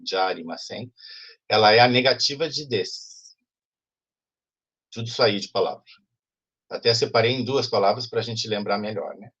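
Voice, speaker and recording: A man's voice: fairly low pitch, moderate pace, pauses often, a bit bright, husky, dull audio. A man teaching a Japanese class over a video call, explaining patiently and often checking in with students. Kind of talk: online class lecture.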